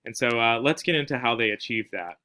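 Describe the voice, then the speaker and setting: A man's voice: mid-range voice, brisk, sharp tone, smooth. A man giving a casual recorded class presentation, with frequent fillers and restarts. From not from Spain. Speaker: student presenter.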